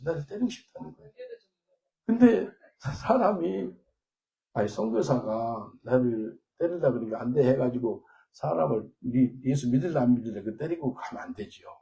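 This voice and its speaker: Gravelly-voiced pastor preaching. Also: male voice, medium pitch. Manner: animated storytelling, swinging from loud to quiet; switches into simple English for quoted prayers and dialogue. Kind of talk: sermon with personal testimony.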